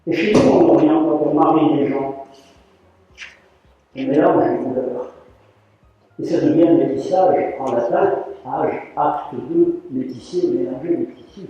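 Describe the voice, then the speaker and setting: A man's voice: a little high, unhurried. An older man, a rug weaver, telling stories to an audience and animatedly acting out the voices of people in them. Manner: animated, acts out quoted voices. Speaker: rug weaver giving a talk. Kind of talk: storytelling talk to an audience. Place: large hall. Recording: dull, echoey hall recording from far off.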